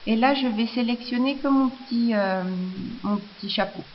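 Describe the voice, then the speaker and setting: A woman explaining software step by step in a screencast tutorial, hesitant, with many fillers and restarts. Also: on the high side, moderate pace. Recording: slightly dull lo-fi audio with faint hiss.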